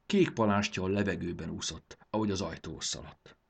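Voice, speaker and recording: A man reading a children's storybook aloud with expressive, lively narration. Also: low voice, vocal fry, husky. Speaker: audiobook reader.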